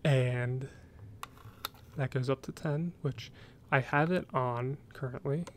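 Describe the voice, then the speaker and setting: American guy doing soft spoken asmr, kinda rambly and hesitant, medium pitch, bit of noise with clicks and tapping. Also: slow pace. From United States. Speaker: ASMR video host.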